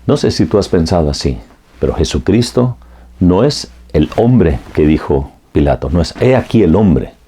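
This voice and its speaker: Low husky-voiced preacher man. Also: very animated, normal speed, mellow. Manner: earnest, addresses listener directly as friend; repetitive preaching cadence. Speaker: pastor. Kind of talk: sermon.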